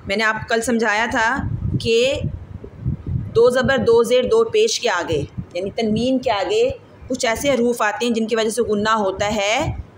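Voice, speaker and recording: A woman leads a recitation class in a slightly high voice, patient and methodical. She often asks her students questions and repeats herself to make sure they follow. A faint hiss of noise runs under her voice. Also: fairly even intonation, unhurried, low-quality recording. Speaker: Quran recitation teacher. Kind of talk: classroom lesson.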